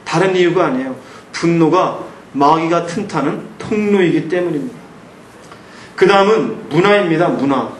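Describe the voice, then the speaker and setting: Guy preaching, high voice, acts out yelling then goes real quiet, echoey church w faint hum. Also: normal speed. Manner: animated preaching, acting out angry outbursts then dropping to hushed tones. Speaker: pastor. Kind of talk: sermon. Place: church sanctuary.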